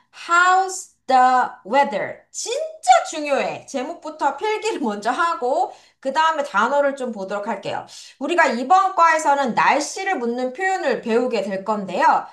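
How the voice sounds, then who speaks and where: A woman's voice: high-pitched, sing-song, normal speed, few pauses, a bit bright. A young adult woman teaching English to children in a recorded lesson, friendly, drilling pronunciation with repeat-after-me. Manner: friendly, addresses students as friends.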